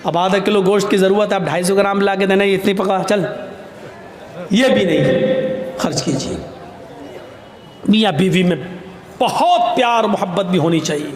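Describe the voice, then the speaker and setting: A male Islamic preacher delivers a sermon with animated, humorous storytelling. His voice sits high for a man. The sound carries a strong echo from the room. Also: long pauses. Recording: echoey room.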